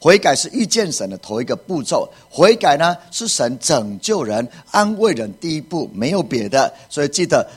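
A man's voice: a little high, big pitch swings, moderate pace, few pauses, husky. A man preaching a sermon as pastor, emphatic, with repeated phrases and rhetorical questions.

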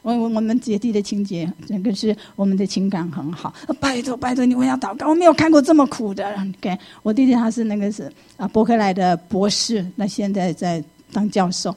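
A middle-aged woman, giving a lively personal faith testimony and acting out her own past thoughts. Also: mid-range voice, a little fast, hardly any pauses. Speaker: church member giving testimony.

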